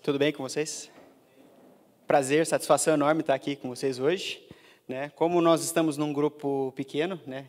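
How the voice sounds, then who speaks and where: A man from northern Paraná giving a relaxed business talk to a small group, often checking in with "né". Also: mid-range voice, long reverb tail. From northern Paraná, Brazil. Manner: conversational, many fillers like "né". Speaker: guest speaker. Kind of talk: business lecture. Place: small lecture room.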